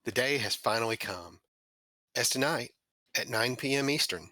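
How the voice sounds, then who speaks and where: A man hosting a podcast, his voice bright and forceful with a mocking, sardonic edge. He talks into a close mic in a dry room with no echo. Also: medium pitch, animated, moderate pace. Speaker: podcast host. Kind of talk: scripted monologue then casual chat.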